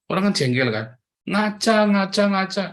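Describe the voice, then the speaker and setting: A middle-aged man from Tegal, Central Java, Indonesia, preaches in a chatty sermon style with a Tegal Javanese (ngapak) accent, often calling his listeners brothers and sisters. His high-pitched voice swings widely in pitch at a normal speed.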